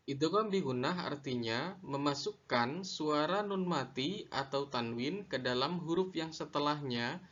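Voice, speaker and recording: A man teaching a lesson on Quran recitation rules, slow and deliberate, repeating each definition. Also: mid-range voice, fairly bright tone, highs cut off. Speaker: religious studies teacher.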